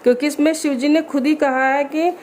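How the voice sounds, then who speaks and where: एक महिला शांत और समझाने वाले अंदाज़ में धार्मिक पाठ के नियम बताती है और बीच-बीच में संस्कृत श्लोक धीरे-धीरे पढ़ती है।. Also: female voice, high-pitched, slight background noise. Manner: calm, explanatory, recites Sanskrit verses slowly. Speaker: religious instructor. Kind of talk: explaining scripture recitation rules.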